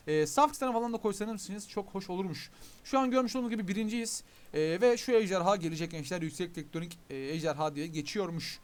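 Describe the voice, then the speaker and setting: A young man with a Turkish accent giving casual gameplay commentary as a YouTuber, chatty and pleading with the game while talking to his viewers. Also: high-pitched. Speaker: gaming YouTuber.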